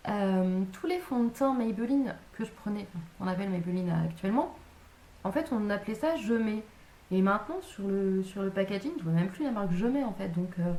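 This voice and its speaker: Young woman rambling thru a makeup haul, mellow voice, lots of ums, echoey room. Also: mid-range voice. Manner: rambling, many hesitations and self-corrections. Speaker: beauty vlogger. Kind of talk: casual haul chat to camera.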